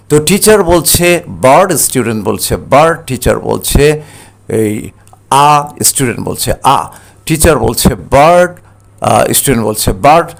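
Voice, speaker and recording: A man, an English teacher giving a recorded lesson. He explains step by step and reads each English phrase slowly. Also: medium pitch, vocal fry. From Bangladesh.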